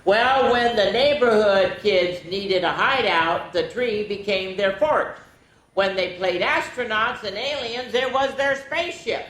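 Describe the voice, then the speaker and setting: Reading picture books aloud to young children, a woman hosts a storytime in a voice that's mid-range and a bit bright. Her slow, deliberate reading is sprinkled with chatty comments to listeners, and the echoey recording has faint background noise.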